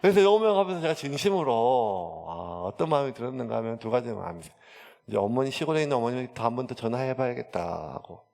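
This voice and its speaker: A man's voice: medium pitch, big pitch swings, quick pace, vocal fry, darkish tone. Pastor guy rambling thru a story in his sermon, lots of fillers, big echoey church. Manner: chatty storytelling with many fillers. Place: church sanctuary. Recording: long church hall reverb.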